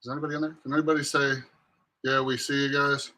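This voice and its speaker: A man's voice: medium pitch, flat delivery, fast talker, bright, forceful tone. A man hosting a casual livestream, easygoing as he explains the plans for the show. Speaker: host.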